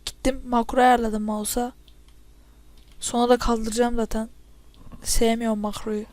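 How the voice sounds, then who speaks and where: A woman casually commentating her own gameplay into a headset mic, excitable and often breaking into loud yells. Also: fairly high pitch, unhurried. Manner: excitable, bursts into loud yelling at setbacks. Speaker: gamer commentating own play. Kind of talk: casual let's-play commentary. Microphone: spare headset mic.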